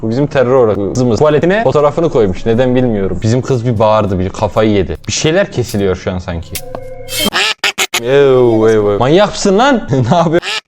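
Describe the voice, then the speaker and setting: A man's voice: mid-range voice, darkish tone. A young man casually commenting on a horror girlfriend game as he plays, joking, swearing and talking to his chat. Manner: jokey, swears a lot, talks to chat. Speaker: streamer playing a girlfriend simulator game. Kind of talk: casual let's-play commentary.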